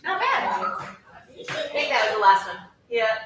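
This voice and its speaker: High bright teacher in an echoey classroom. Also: female voice, brisk, far from the mic, slight background noise. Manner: playful, coaxing with children. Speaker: music teacher.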